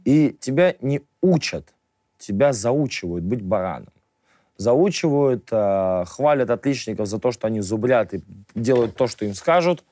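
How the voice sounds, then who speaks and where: A man's voice: mid-range voice, lively intonation, unhurried, warm tone, dry recording. A man guest in a radio studio interview, talking casually and emphatically, pushing his opinions hard. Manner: emphatic, opinionated, rants with rising force.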